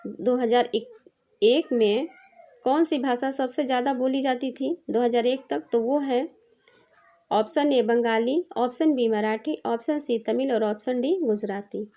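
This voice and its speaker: A woman with a high, mellow voice runs an exam-prep lesson, reading each question aloud twice before explaining it. Her pace is patient and steady, and she repeats key points. Her tone stays soft and dark rather than bright. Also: unhurried. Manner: patient, repetitive teaching. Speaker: teacher.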